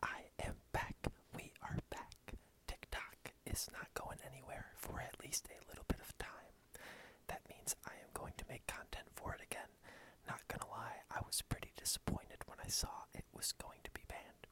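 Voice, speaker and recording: An ASMR creator giving a casual whispered channel update into a dedicated microphone. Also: moderate pace. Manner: soft unvoiced whisper throughout.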